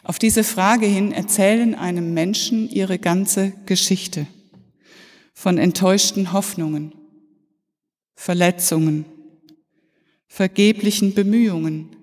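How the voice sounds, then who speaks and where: Slow reflective woman pastor in a church. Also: on the low side, darkish tone. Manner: slow, reflective storytelling with pauses. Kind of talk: Easter sermon. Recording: reverberant church hall.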